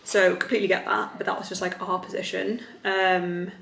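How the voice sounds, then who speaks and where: A woman's voice: medium pitch, little pitch movement, brisk, creaky, a bit bright, reverberant. A woman in her thirties chatting casually to camera in a rambling vlog style, with lots of "like". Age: 30s. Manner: chatty, rambling, heavy use of "like". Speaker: vlogger. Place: bedroom at home. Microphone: camera on a stand.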